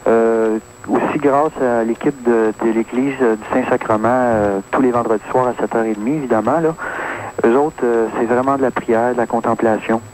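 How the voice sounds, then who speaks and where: Earnest and hesitant, full of fillers, a Québécois French-accented caller in his 30s gives testimony on a radio phone-in. His voice is medium-pitched and darkish, with a steady tone and moderate pace. It comes through poor AM audio with faint hiss.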